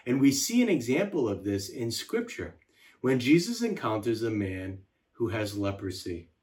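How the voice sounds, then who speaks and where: A man giving a devotional teaching in a measured, reflective way, slowing down to list words one by one. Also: mid-range voice, sing-song, darkish tone. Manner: measured, reflective delivery with slow listed words.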